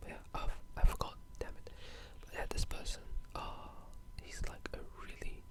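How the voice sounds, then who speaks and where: This is an enthusiastic gamer whispering breathily, with no voicing, through a casual and rambling ASMR talk about video games. The speed is moderate and the tone a bit bright.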